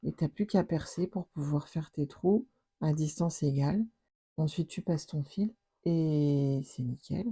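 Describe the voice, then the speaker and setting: A woman vlogger chatting casually as she opens packages, gushing with exclamations and sometimes dropping into soft whispers. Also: sits low, measured pace, slightly rough. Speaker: scrapbooking vlogger. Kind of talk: casual unboxing chat.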